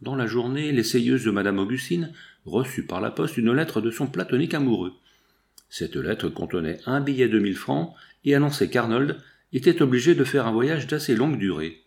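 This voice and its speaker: A man narrating a novel in a measured, expressive reading. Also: mid-range voice, vocal fry. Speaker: audiobook narrator.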